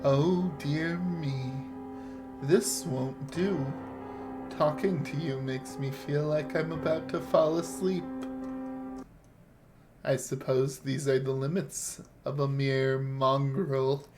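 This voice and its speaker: A man voicing a sinister, condescending male bird doctor in a game, speaking with slow, silky, menacing politeness. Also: on the high side, fairly even intonation. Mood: contemptuous. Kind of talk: reading visual novel dialogue aloud. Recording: faint music behind.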